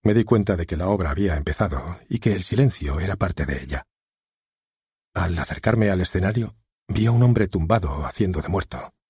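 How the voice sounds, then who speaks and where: A man narrating an audiobook in a measured storytelling manner. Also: low voice, lively intonation, a little mellow, slightly rough, no echo, studio quality.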